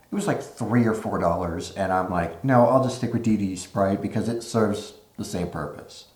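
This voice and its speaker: A man giving a casual card game deck walkthrough with relaxed, explanatory talk, recorded in low-quality audio without his usual mic. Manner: relaxed, explanatory, frequent "uh" fillers. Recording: echoey room on a makeshift mic.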